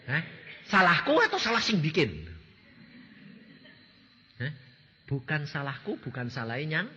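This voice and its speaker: A male pastor with a Javanese accent delivers a lively sermon, his pitch swooping widely as he keeps quizzing the congregation. His voice is forceful and a little husky. It rings out in a long hall reverb on a dull, lo-fi recording. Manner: animated, questioning the congregation.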